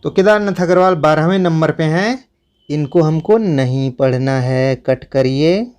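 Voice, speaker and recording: Higher-pitched man teaching a syllabus lesson. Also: unhurried, darkish tone, smooth. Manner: repetitive, instructive, addresses students directly.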